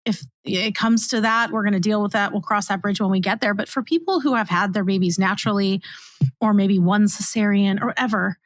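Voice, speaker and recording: A woman's voice: mid-range voice, fairly even intonation, brisk, no echo. A woman in her mid-forties, a podcast guest, talking earnestly and encouragingly in casual chat. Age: 40s. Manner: earnest, encouraging, many fillers.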